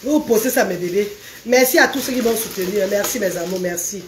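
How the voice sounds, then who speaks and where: A woman chatting on a casual live stream, animated, calling her viewers "maman". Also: medium pitch, brisk. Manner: animated, calls viewers "maman", sings out names. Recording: echoey room with faint background noise.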